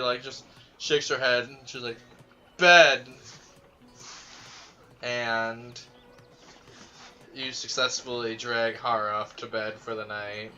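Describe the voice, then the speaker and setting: A man narrating as game master of a tabletop game in a relaxed, chatty way. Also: medium pitch, lo-fi sound. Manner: relaxed, chatty, laughs often.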